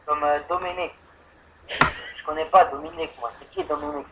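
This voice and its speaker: Posing as an insurance customer, a man on a phone line improvises a prank call, hesitant and rambling as if lost. His voice is on the high side, fairly bright and fairly quick, with fairly even intonation.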